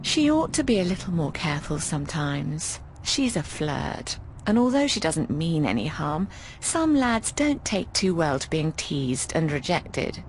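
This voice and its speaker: A bawdy, breezy landlady from an adventure game, teasing and fond with everyone and calling people darling as she chats wryly at an unhurried pace. Her slightly low voice swings freely up and down in a full, expressive character performance for conversational game voice acting. The audio is poor, with faint background noise underneath.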